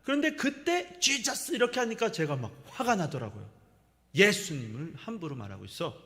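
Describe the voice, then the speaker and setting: A man's voice: fairly high pitch, a little fast, vocal fry. A middle-aged male pastor preaching a sermon, telling stories and acting out the lines he quotes. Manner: animated storytelling, acts out quoted lines. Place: church sanctuary. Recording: long church reverb.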